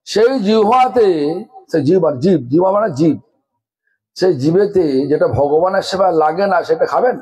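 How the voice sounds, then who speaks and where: A man's voice: high voice, poor audio. A man with a Bengali accent giving a scolding sermon, asking the audience one rhetorical question after another. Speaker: guru giving a religious discourse.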